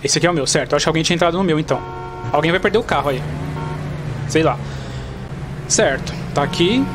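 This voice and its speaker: A man with a Brazilian Portuguese accent giving chatty, excitable gameplay commentary to his viewers. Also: a little high, fast, noisy background. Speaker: gaming channel host. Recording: loud car and game sounds behind.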